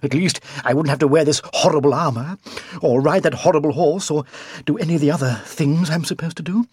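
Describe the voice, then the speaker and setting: A man's voice: a little high, brisk, darkish tone, husky, dry recording, clean studio sound. A storybook reader voicing a nervous, accident-prone male knight who grumbles in a self-pitying way. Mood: grumbling.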